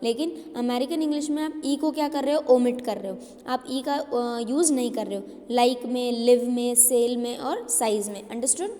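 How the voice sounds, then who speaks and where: A woman's voice: fairly high pitch, normal speed, hardly any pauses, mellow, big-room sound. A woman English teacher giving a classroom lecture, checking understanding with frequent tag questions and spelling words out letter by letter.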